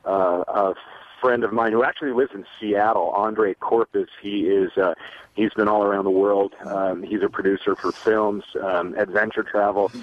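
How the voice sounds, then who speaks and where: A man's voice: on the low side, steady tone, normal speed, phone-quality sound. A man who works as a fly-fishing outfitter, a guest telling a trip story in an easygoing way with plenty of ums. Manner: easygoing, many um and uh fillers. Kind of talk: casual recounting of a trip.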